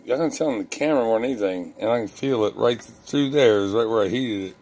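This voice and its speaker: A man's voice: medium pitch, fast, darkish tone. A man talking casually to the camera about his hobby, rambling with lots of ums and restarts and poking fun at his own mistakes. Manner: self-deprecating and candid. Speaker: lock-picking hobbyist vlogger.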